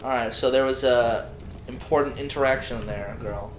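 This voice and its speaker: A man's voice: mid-range voice, moderate pace. Sarcastic gamer man, echoey room. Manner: sarcastic, joking. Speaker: let's play host. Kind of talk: casual gaming commentary. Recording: echoey room with background noise.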